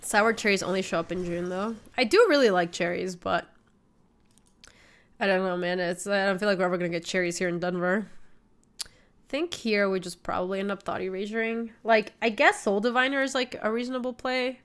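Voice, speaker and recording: Speaking fairly quickly with fairly even intonation, a woman with a mid-range, fairly bright voice streams a card game from home. She's in her twenties with a slight cold that leaves her sniffly, and she chats casually, explaining her deck choices and reading chat aloud.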